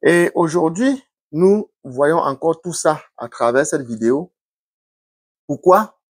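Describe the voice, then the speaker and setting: Husky man giving vlog commentary. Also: a little high, lively intonation, takes it slowly, no room sound, studio quality.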